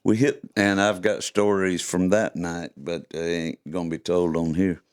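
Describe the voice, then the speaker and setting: A man's voice: low voice, level tone, a little slow, clear, resonant tone. An older man, hosting a podcast and reading his own stories in a folksy, chuckling way. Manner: folksy, chuckling, playful delivery. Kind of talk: casual chat and storytelling read-aloud.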